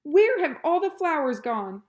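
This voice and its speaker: A woman voicing a bossy, stern older woman who is prim and easily outraged, speaking in loud, clipped commands for a storybook read-aloud. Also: on the low side, measured pace, gravelly. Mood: shrieking.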